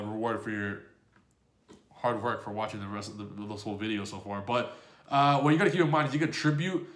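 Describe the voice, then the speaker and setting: An excitable man talks through a card game match he just played, swearing freely and acting out his own reactions. His voice sits at an everyday pitch. The room around him rings with echo. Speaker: gaming channel host. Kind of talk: casual match commentary.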